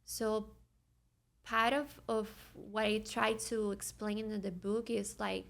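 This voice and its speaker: A Venezuelan woman with a medium-pitched, creaky voice speaks English with a Venezuelan Spanish accent. She's a guest on a podcast, talking earnestly and searching for words in a reflective, conversational interview.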